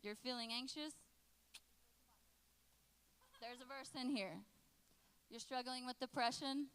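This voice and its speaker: A woman's voice: high-pitched, takes it slowly, a little hiss or hum, rough recording. A woman in her late twenties giving a casual, joking talk to a youth group as its youth pastor. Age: 20s. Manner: lively and joking, chatting with teens in the room.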